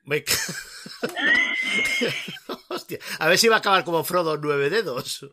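Excitable bright-voiced man. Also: a little high, a little fast. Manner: excitable, play-by-play commenting. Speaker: co-host. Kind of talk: casual reaction chat.

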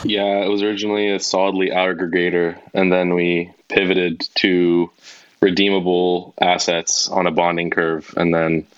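A man guesting on a podcast, calm and matter-of-fact in casual chat. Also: deep voice, moderate pace, clean tone, no echo, highs cut off.

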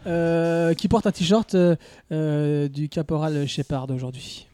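A man hosting a podcast live from a café, joking around and filling pauses with "uh". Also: fairly high pitch, fairly even intonation, warm tone, smooth, no echo. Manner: joking, with many hesitant fillers. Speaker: podcast host. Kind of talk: casual podcast chat.

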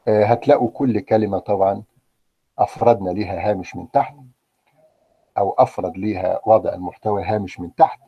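Man, Egyptian Arabic accent, language teacher, low husky voice, dull lo-fi sound. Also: fast talker, dry recording. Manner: conversational, checks in with "okay?" and asks the class questions. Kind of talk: live online grammar lesson.

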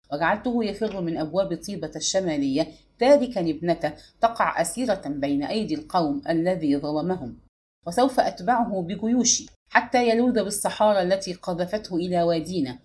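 A proud young warrior pharaoh, stern and commanding, his voice pushed low and heavy, as a woman narrator acts him out. He speaks with indignant force in a storybook reading. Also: a little mellow, close to an everyday voice. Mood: proud anger. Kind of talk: audiobook character reading.

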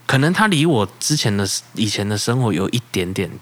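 A man with a Taiwanese accent in casual chat, halting and repeating words as he explains. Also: on the low side, very animated, fairly bright tone.

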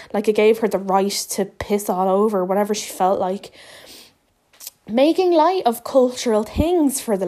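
A woman's voice: medium pitch, mellow. Young irish woman going off on a rant, blunt and sweary, keeps restarting her sentences. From Ireland. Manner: frank, sweary, many restarts. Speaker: podcast host. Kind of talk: casual ranting monologue.

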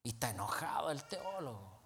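Male pastor, storytelling sermon, bright and forceful, bursts of loudness. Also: mid-range voice, a little fast, slight background noise. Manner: animated, swings from quiet to loud outbursts.

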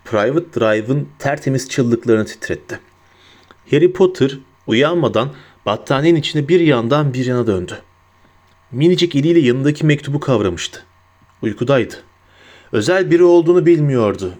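Expressive man reading a storybook aloud. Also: mid-range voice. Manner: expressive storytelling, slows for emphasis. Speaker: narrator. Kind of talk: audiobook narration.

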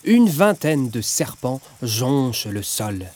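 A man narrating a children's audiobook in a lively, expressive storytelling manner. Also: medium pitch, slow.

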